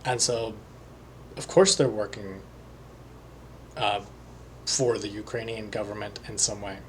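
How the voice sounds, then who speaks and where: A man talking alone as a psychic reader, slowly and hesitantly, with many pauses and fillers. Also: on the low side, steady tone, slight background noise. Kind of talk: solo monologue.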